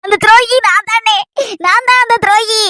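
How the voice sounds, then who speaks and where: A woman's voice: extremely high pitch, steady tone, moderate pace, background noise. A woman playing a remorseful younger sister who sobs and keeps calling herself a traitor in a homemade family skit. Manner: tearful, self-reproaching, repeating herself. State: crying.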